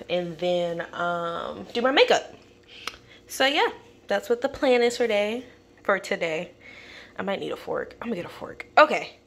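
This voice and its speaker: A woman's voice: medium pitch, fairly bright tone, a little hiss or hum. Chatty slangy woman vlogging. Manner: chatty, slangy, swears casually. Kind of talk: casual vlog chat. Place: home and car. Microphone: phone camera.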